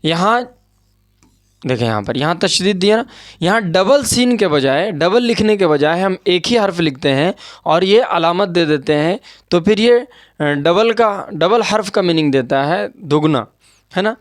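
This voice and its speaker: A man's voice: sits high, lively intonation, dry recording, studio quality. A man teaching an Urdu grammar lesson at a board, patient and repetitive, often checking that his students follow. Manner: patient, repeats points, checks understanding with asides.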